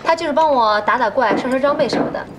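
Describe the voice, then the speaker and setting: A woman's voice: high voice, fast, background noise, natural voice. An actress in her twenties playing a pushy, gossipy young woman in a TV drama, brash and nosy. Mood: scornful. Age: 20s. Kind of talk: TV drama acting. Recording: background music.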